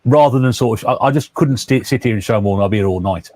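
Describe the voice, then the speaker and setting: A man's voice: fairly low pitch, quick pace, a little mellow, no room sound. A man trading on a live video stream, talking casually and hesitantly, repeating his words. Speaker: guest trader. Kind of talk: casual livestream chat.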